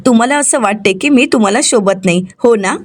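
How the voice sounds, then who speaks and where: A woman's voice: medium pitch, brisk, natural voice. A woman voicing a hurt, sulking young wife in a retold TV serial, speaking in an accusing, tearful tone. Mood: upset.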